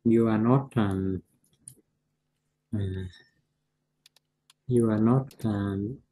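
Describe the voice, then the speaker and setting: A woman student with a very deep, mellow voice works through answers in a one-on-one lesson. She speaks slowly and haltingly. Her replies are filled with ums and pauses. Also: no room sound. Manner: hesitant, halting, with many ums.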